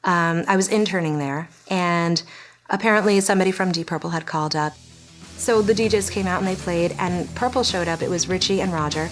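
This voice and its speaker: A woman's voice: on the low side, brisk, soft background music. A woman from New York telling a story in an interview, bubbly and giggly.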